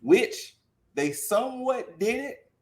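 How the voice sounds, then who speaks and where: A man's voice: very high voice, animated, takes it slowly, darkish tone. A man co-hosting a podcast, chatting casually about a movie and retelling its scenes in an easygoing way. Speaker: podcast co-host. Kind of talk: casual movie review chat.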